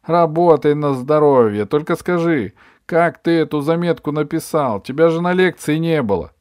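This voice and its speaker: A man voicing an excitable, touchy schoolboy in an audiobook, talking loudly and eagerly. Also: fairly high pitch, normal speed, smooth, voice pushed up, lightly acted. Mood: excited. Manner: shouting, excitable. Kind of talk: audiobook character voice.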